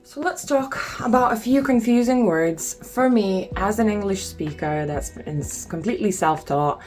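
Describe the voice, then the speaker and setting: A young Lithuanian woman vlogs from home, talking casually to camera in a Lithuanian accent, dropping plenty of ums and exasperated asides. Her mid-range, slightly mellow voice moves at a moderate pace over soft background music.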